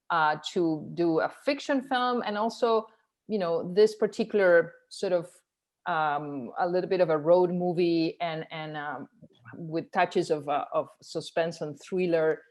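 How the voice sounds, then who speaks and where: A woman moderating a film festival Q&A over a video call, her voice a little low. She speaks very slowly and hesitantly, pausing on many ums and uhs. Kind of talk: festival Q&A conversation.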